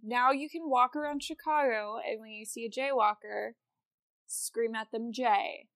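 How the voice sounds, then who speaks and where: A woman with an American accent and a fairly high voice chats as a podcast host. She is casual, irreverent and happy to swear. The sound is very dry, with no room on it. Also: fairly even intonation, normal speed, a bit bright, dry recording. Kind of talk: casual comedic podcast chat about history.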